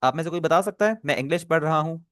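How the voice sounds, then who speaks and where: A man teaching Japanese in an online class, who patiently repeats phrases and says the Japanese words slowly for students to copy. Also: on the high side, a bit bright, dry recording, clean studio sound.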